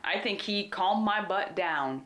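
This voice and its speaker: A woman co-hosting a podcast, telling hunting stories in an animated, rambling way. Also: mid-range voice, measured pace. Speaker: podcast co-host. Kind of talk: casual storytelling chat. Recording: roomy echo.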